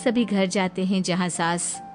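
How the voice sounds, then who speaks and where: A woman narrating an audio story in a lively, expressive way. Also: medium pitch, unhurried, soft background music.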